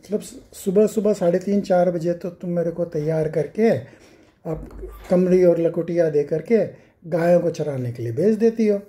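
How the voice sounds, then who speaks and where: A man telling devotional scripture stories, explaining slowly and breaking into sung verses. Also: high voice, warm tone. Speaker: scripture storyteller.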